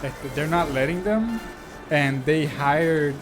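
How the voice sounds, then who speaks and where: A man's voice: fairly high pitch, animated, takes it slowly. A man from Puerto Rico, a streamer chatting over gameplay, rambling and losing his train of thought. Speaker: let's-play streamer. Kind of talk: casual chat over gameplay. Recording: game music behind the voice. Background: game music.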